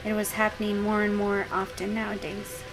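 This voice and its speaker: A woman's voice: medium pitch, completely flat delivery, moderate pace, background noise. A woman gaming host reading a visual novel aloud as narration.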